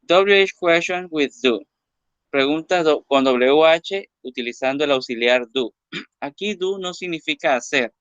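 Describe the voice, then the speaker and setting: A man teaching an English lesson, saying English phrases slowly, then translating and explaining them, and checking in with "ok?". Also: fairly high pitch, fairly bright tone, clear, resonant tone, no echo. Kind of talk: recorded classroom lesson. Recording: dull lo-fi dry recording.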